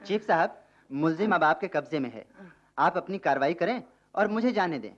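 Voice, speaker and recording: A man's voice: on the high side, animated, normal speed, natural voice. A man playing a passerby giving witness. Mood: recounting. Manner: recounting, mimicking cries. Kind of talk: radio play acting. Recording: lo-fi old radio recording.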